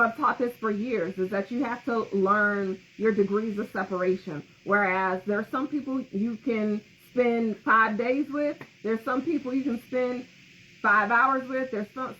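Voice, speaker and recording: A woman with a fairly high voice co-hosts a casual podcast chat. She talks in a gentle, instructive way, laughing often. A faint hiss of noise sits behind her. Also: poor audio. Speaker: podcast co-host.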